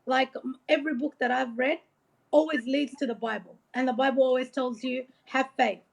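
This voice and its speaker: In an informal interview, an Iraqi woman plays a motivational coach, her high, gravelly voice moving at a moderate pace with fairly even intonation. She rambles earnestly and encouragingly, dropping "like" and "you know" often. The recording is dull and lo-fi.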